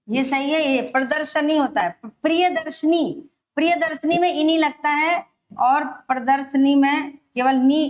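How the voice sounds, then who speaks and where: A woman teaching Hindi grammar for an exam, explaining step by step and repeating words slowly. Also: high voice. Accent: Rajasthani Hindi. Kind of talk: exam-prep grammar lesson.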